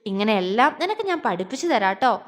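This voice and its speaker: A woman voicing a tender, lovestruck young man who speaks softly and hesitantly with affection. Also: a little high, very animated, brisk, big-room sound, voice pushed down. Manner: soft, affectionate, hesitant speech.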